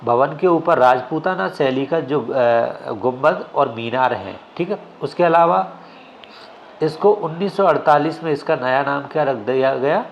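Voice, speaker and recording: A man's voice: fairly high pitch, expressive, unhurried, highs cut off, a little hiss or hum. A male exam coaching teacher giving a classroom lecture. He keeps asking questions and answering them himself, often checking with "ठीक है?".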